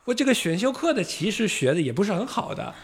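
A man's voice: sits high, very animated, fast talker. A man from the United States, a native English speaker with an American accent, chatting as a podcast guest. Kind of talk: casual interview talk.

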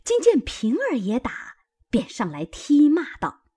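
A woman's voice: high-pitched, wildly swooping pitch, unhurried, dark tone. A woman reading a classic novel aloud as dramatic storytelling. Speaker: audiobook reader.

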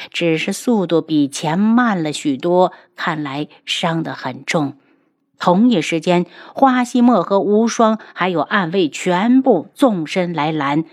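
A woman narrating a martial-arts web novel in a steady, unhurried storytelling manner. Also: lowish voice, no room sound, studio quality. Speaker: audiobook narrator.

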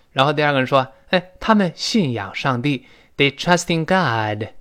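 A man teaching English pronunciation, explaining in Chinese and repeating words slowly for drill. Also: on the high side. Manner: emphatic, explanatory.

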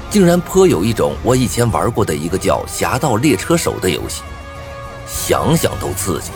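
Man narrating a story, low voice, hugely varied pitch, dramatic, faint music. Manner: dramatic, swinging delivery. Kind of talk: first-person story narration.

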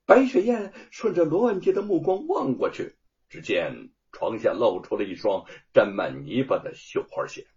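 A man narrating a dramatic audiobook story in a vivid, expressive manner. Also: mid-range voice, normal speed. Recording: dull lo-fi audio.

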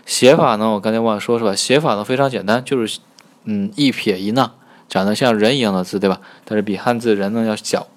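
A man with a low voice teaches Korean pronunciation in a recorded lesson, patiently demonstrating the sounds slowly and repeating them.

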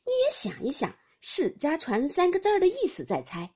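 A woman reading a storybook aloud, voicing a composed young lady who reasons calmly. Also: high voice, moderate pace, voice pushed up. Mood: reasonable.

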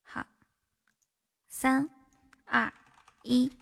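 A woman's voice: sits high, level tone, drawn-out words, vocal fry. A woman hosting a live stream, chatting playfully, repeating herself and laughing often. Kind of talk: casual live-stream chat.

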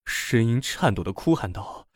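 A man reading a story aloud in an expressive, dramatic manner. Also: mid-range voice, normal speed, dry recording, clean studio sound. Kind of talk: scripted story narration.

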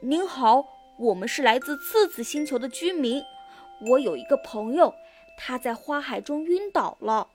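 A woman's voice: sits high, darkish tone, voice pushed down. Woman voicing an earnest little hedgehog leader. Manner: earnest, urgent.

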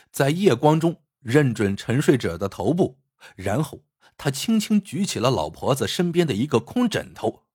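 Guy reading a thriller story out loud, husky voice, pitch jumping all over, dry close sound. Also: dry recording. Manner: lively, suspenseful telling. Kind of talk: dramatic story narration.

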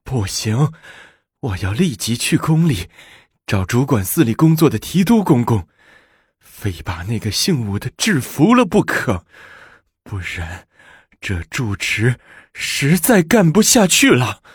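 A man voicing a flustered, indignant middle-aged female abbess who stammers and speaks slowly. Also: mid-range voice, very animated, slightly rough, no room sound, studio quality, voice pushed up, full character voice.

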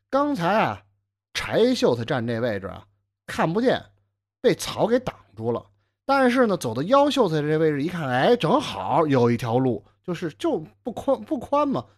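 Give me a lively man narrating a traditional pinghua tale, with a very expressive pitch. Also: moderate pace. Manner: lively and conversational, with frequent interjections. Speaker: storyteller. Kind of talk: traditional Chinese pinghua storytelling.

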